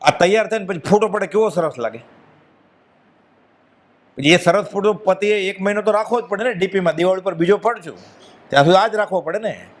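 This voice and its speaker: Man, Gujarati accent, devotional discourse, emphatic, fairly high-pitched. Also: fairly quick, pauses often. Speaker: spiritual speaker.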